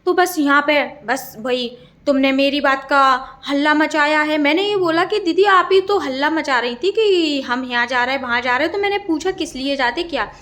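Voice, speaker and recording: A woman's voice: sits high, normal speed, fairly bright tone. A young woman vlogger chatting casually, getting agitated as she tells a story. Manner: chatty, grows agitated when recounting the dispute.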